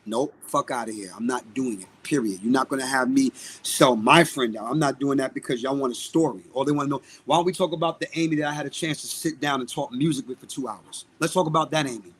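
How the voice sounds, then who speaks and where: Speaking with a Brooklyn accent, this guest, a singer and music producer, talks emphatically and bluntly on a live podcast, repeating phrases to stress his points. His voice is medium-pitched, fast and nearly pause-free, with a little hiss or hum on the recording.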